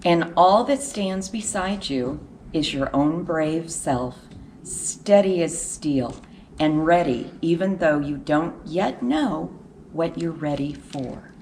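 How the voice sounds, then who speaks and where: Reading a children's picture book aloud, a woman uses a measured, expressive storytelling style with deliberate pauses. Her voice sits low, and there's slight background noise.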